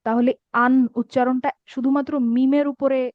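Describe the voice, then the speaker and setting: Flat in delivery and high in pitch, this teacher moves at a normal speed through an online Arabic grammar lesson, patiently checking comprehension again and again. The recording is dry, dull, and lo-fi.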